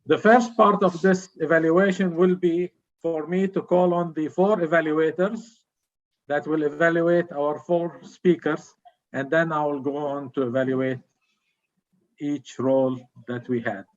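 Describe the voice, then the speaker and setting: Middle-aged male club evaluator, slow formal public speaker, slightly dull recording. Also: a little high, fairly even intonation. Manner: measured, deliberate, formal.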